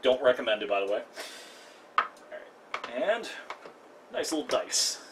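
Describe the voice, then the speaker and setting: A man's voice: mid-range voice, sing-song, unhurried. Jokey young man cooking, distant noisy mic. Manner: chatty, self-mocking, jokey asides. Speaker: cooking stream host. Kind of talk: casual live cooking demo. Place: home kitchen, indoors.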